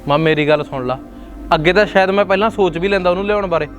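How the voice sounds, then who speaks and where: Guy acting as an angry young husband, snapping fast, scornful, high voice. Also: faint music behind, natural voice. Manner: heated, rapid, indignant. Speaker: son arguing with his mother. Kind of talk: web series drama acting.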